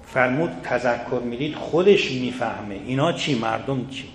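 A man giving a religious lecture to seminary students, earnest and full of rhetorical questions aimed straight at his listeners. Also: medium pitch. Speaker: seminary teacher. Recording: echoey room, faint background noise.

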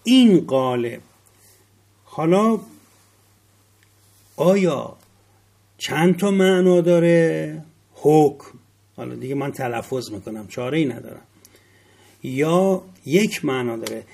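Middle-aged guy teaching a class on word roots, gravelly and a bit husky, spells letters out slow. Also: on the high side, expressive, darkish tone. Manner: spells out letters slowly, rising emphasis. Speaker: religious studies teacher.

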